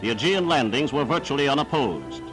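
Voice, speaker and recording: A man's voice: medium pitch, lively intonation, a little fast, over music, rough recording. A man reading scripted 1940s newsreel narration in a formal, declamatory manner on a period soundtrack.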